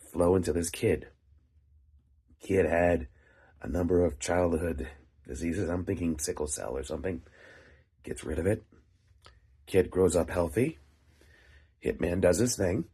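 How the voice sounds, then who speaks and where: A man with a gravelly, phlegmy voice telling a story casually in halting short phrases, like a writer hosting his own vlog. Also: low-pitched, mellow. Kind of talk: casual rambling storytelling monologue.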